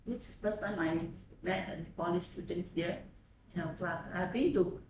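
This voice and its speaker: A woman lecturer questioning students in class, repeating their names back slowly. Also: on the low side. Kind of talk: classroom introductions. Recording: echoey classroom, far from the mic, with noise.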